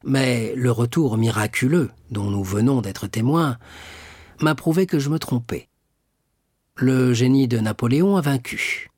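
A man voicing a scheming, cold young royal prosecutor in an audiobook, smooth and guarded. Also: mid-range voice, measured pace, a little mellow, no echo. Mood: calculating. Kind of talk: audiobook character reading.

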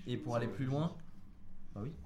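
A man's voice: medium pitch, moderate pace, dark tone, a little hiss or hum. A young man chatting casually in a group, explaining things in a joking, digressive way. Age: young adult. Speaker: streamer and co-founder.

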